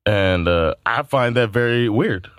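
A man's voice: mid-range voice, animated, unhurried, fairly bright tone, no room sound, studio quality. A man in his thirties co-hosting casual chat, rambling with many fillers and restarts. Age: 30s. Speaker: podcast co-host.

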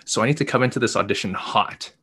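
A man's voice: lowish voice, quick pace, pushed and bright, breathy edge. A man co-hosting a podcast in a casual, conversational style. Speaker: podcast co-host, actor.

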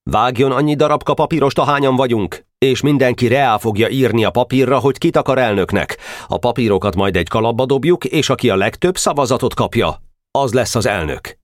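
A man's voice: mid-range voice, dry recording, studio quality, pitched above the performer's own voice, natural voice. A man voicing a fair-minded boy captain who gives firm, orderly commands. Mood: commanding.

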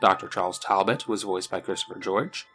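A man's voice: low voice, fairly quick, a bit bright, soft background music. A man, the show's creator, reading credits and a grateful outro. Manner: friendly, grateful. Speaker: podcast creator.

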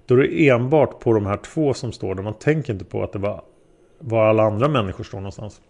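Hesitant male witness, read by a man, gravelly voice, halting answers, plain talk. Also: on the low side, darkish tone. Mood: unsure. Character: male taxi driver witness, hesitant, unsure. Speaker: witness being questioned. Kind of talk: read-aloud interrogation transcript.

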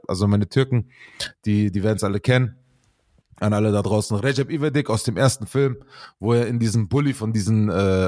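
A man's voice: lowish voice, darkish tone, no echo, studio quality. A man casually telling a funny story in slangy street talk, laughing often.

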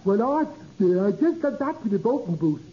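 A man's voice: high voice, big pitch swings, normal speed, slight background noise. A male actor playing a simple, cheerful American tavern sidekick in old radio comedy, slangy and guileless. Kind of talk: 1940s-50s radio comedy acting. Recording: muffled old radio recording.

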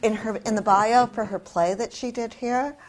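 A woman's voice: a little high, steady tone, moderate pace. An older woman from New Zealand talking as a guest author, candid and discursive in a conversational literary discussion.

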